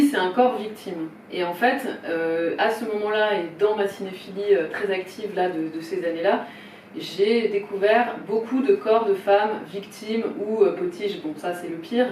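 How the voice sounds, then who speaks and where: A woman's voice: lowish voice, a little mellow. A woman presenting a filmmaker at a small event, speaking informally, hesitant and apologetic, with many restarts. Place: film shop event room, with people present. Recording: roomy, distant mic, faint noise.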